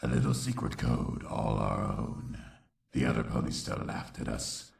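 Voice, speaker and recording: A man voicing a menacing pony king, telling his life story slowly in a very deep gravelly growl for a comic dub. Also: flat delivery, heavily acted. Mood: reflective, grave. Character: menacing adult pony king narrating his own childhood. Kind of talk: scripted comic dub narration. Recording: echoey, distant-sounding voice track.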